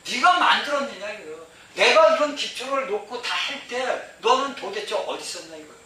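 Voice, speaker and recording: A man's voice: extremely high pitch, expressive, normal speed, sharp tone. A man preaching a sermon as pastor, emphatic, repeating phrases and asking the congregation rhetorical questions. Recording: very echoey hall, mic far off, faint noise.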